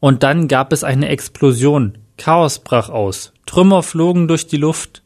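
A man's voice: fairly high pitch, unhurried, lightly acted. A man reading as an upset, reproachful young man. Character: angry, tearful young man.

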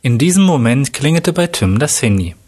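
A man narrating a story in a plain, steady reading style with a husky voice. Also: medium pitch, moderate pace.

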